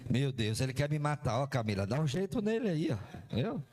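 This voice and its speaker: Animated Brazilian preacher quizzing his flock. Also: mid-range voice, a little fast. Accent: Brazilian Portuguese. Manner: theatrical, quizzes the congregation with questions. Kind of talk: sermon. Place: church service before a congregation.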